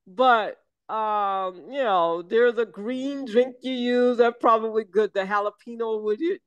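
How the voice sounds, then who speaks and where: An older woman from the American South, a guest chatting over a video call, talking slowly and wandering with many fillers and restarts. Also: fairly high pitch, clean tone, dry recording. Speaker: guest, syrup maker.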